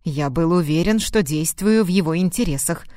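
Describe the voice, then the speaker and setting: A woman's voice: fairly low pitch, moderate pace, mellow, no echo, close to an everyday voice. A woman reading an audiobook, voicing an anxious, defensive middle-aged son who pleads and whines.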